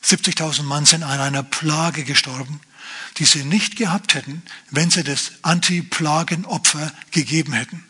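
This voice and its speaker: A male pastor preaching a lively, chatty sermon, often turning to his listeners with asides. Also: on the high side, moderate pace, breathy edge.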